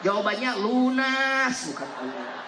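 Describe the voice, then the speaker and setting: A man's voice: very high-pitched, very animated, unhurried, background noise. A man from West Java, giving a humorous sermon and teasing the congregation into answering back. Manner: joking, teasing the audience, asking it to answer back. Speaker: preacher. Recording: echoey hall with faint crowd.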